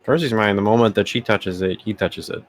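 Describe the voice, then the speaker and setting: A man's voice: on the low side, brisk. A man taking part casually in a tabletop game discussion as a player. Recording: noisy mic with background ambience.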